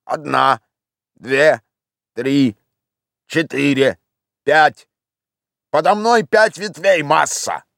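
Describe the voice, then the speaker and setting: A man voicing a timid, simple old male servant in an audiobook, calling down slowly and plaintively. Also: a little high, vocal fry, fairly bright tone, dry recording, studio quality, exaggerated voice. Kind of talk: audiobook character voice.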